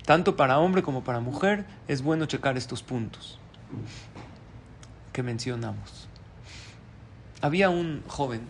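A rabbi teaching a class and telling a parable in an animated storytelling manner. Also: male voice, medium pitch, a little hiss or hum. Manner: animated storyteller, lively voice changes.

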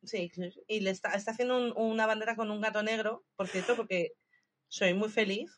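A woman in casual chat, recapping a show with animated retellings, acting out the lines and swearing freely. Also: mid-range voice, a little fast.

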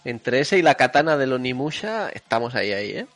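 A man's voice: mid-range voice, big pitch swings, brisk, fairly bright tone, no room sound, faint music behind. A man chatting casually as a podcast panelist. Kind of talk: casual chat.

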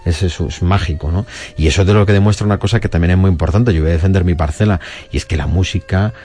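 A man's voice: deep voice, fast talker, warm tone. A man giving conversational, explanatory commentary as a film music expert on radio.

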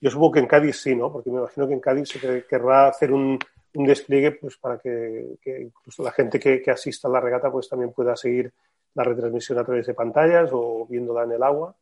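A man's voice: mid-range voice, steady tone, quick pace, darkish tone. A man hosting a sailing podcast, asking questions and thanking his guest. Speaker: podcast host. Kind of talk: interview hosting.

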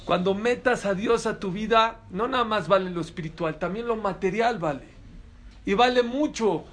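Rabbi preaching, high voice for a man, lively, keeps quizzing the room. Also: normal speed. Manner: animated, emphatic, asks the audience questions. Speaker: rabbi teaching a Torah class. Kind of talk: sermon.

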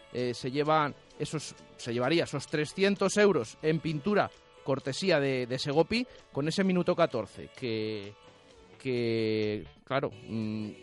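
Spanish guy on sports radio, voice a bit high, repeats stuff for emphasis, music underneath. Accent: Spain. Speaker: co-host of a local sports radio show. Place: radio studio. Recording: music bed behind.

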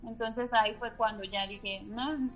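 A woman's voice: on the high side, steady tone, unhurried, a bit bright, soft background music, rough recording. A woman, a guest telling a personal story in a chatty way, full of fillers and tag questions. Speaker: guest medium. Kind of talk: casual storytelling.

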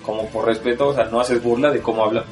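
A man's voice: mid-range voice, fast, faint music behind. Rambling Mexico City man, casual podcast chat. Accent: Mexico City Spanish. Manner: relaxed, rambling, laughs often.

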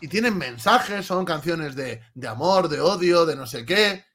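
A man's voice: on the high side, animated, measured pace, a bit bright. A man from Spain co-hosting a casual podcast chat, talking in a blunt, scornful way. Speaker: podcast co-host.

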